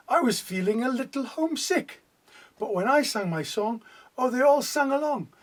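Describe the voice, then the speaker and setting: A man doing comic patter between songs, with rambling, self-deprecating asides. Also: high voice. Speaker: comedy singer-songwriter. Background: acoustic guitar.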